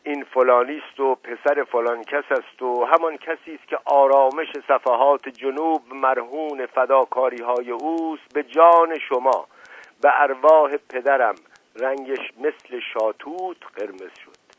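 A man's voice: medium pitch, dry recording, lightly acted. A man reads a self-important old ex-officer in a radio story. He boasts and protests indignantly, swearing by his father's soul. The sound is dry and thin, like an old phone-band broadcast. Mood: boastful. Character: pompous old man, proud former Cossack officer. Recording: dry, tinny lo-fi radio recording.

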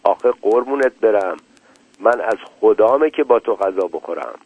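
A man voicing a blunt young husband who turns gentle and coaxing, in an old radio story. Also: fairly low pitch, expressive, slightly rough, no room sound. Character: hungry young husband, gruff but tender. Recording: tinny dry lo-fi radio recording.

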